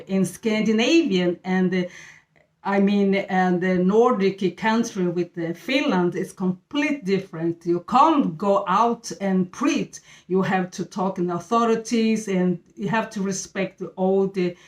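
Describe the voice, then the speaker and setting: A middle-aged Brazilian woman with a Brazilian Portuguese accent hosts her channel, giving a casual faith talk to camera in halting English. Her pitch is medium, and she often pauses with fillers while searching for words. The room is echoey.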